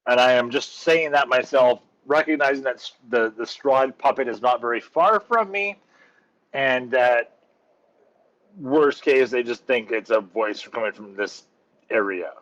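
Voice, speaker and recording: A man describes his moves in a tabletop game, stopping to check the rules as he talks. His voice sits at an ordinary mid pitch. The sound is a little dull and lo-fi. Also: measured pace, a bit bright. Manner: thinks aloud, checking rules mid-sentence. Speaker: player. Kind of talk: casual tabletop game chat.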